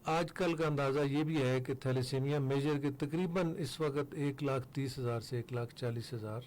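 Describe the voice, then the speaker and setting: An older man from Pakistan, a foundation head speaking as a guest in a radio studio interview, explaining steadily with pauses and fillers. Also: medium pitch, a little mellow.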